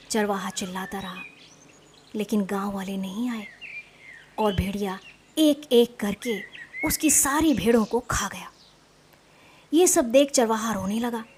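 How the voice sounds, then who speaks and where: Slow, expressive woman storyteller. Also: medium pitch, a little hiss or hum. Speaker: storyteller for children. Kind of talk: children's story narration.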